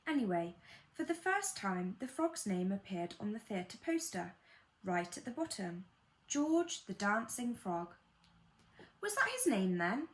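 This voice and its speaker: A woman with a medium-pitched voice reads a children's bedtime story aloud like a storybook reader, with gentle, expressive storytelling and dramatic pauses.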